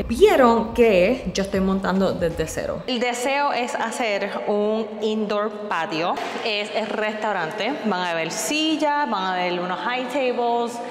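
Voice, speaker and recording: A woman in her thirties from Puerto Rico with a Puerto Rican accent, talking frankly and animatedly to camera in a casual vlog, mixing in English and swearing. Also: mid-range voice. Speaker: vlogger. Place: open-plan office, indoors. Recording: roomy office echo, faint room noise.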